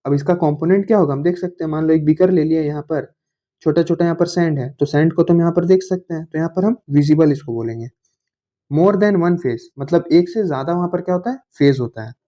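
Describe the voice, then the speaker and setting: A man teaching a science lesson to school students, reading English definitions slowly and then explaining in Hindi in an easygoing, coaxing way. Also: fairly high pitch, muffled recording. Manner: coaxing, informal, addresses students as bhaiya. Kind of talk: classroom lecture to school students.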